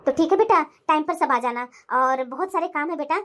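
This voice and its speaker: A woman's voice: high-pitched, close to an everyday voice. A woman voicing an older, caring mother in a cartoon who speaks to her daughter affectionately. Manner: affectionate, unhurried. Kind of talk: animated cartoon voice acting.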